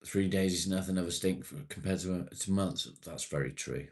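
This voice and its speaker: Man, late forties, livestream host, husky, deep, matey casual chat. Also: moderate pace. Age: 40s. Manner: chatty, matey, swears casually. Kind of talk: casual live chat reading viewer comments.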